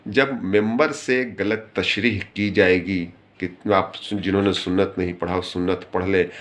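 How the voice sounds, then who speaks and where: A man with a very deep, low voice talks informally about religious practice. He explains each point earnestly and repeats phrases to stress them. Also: steady tone, normal speed. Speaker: speaker giving religious advice. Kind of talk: informal religious talk to camera.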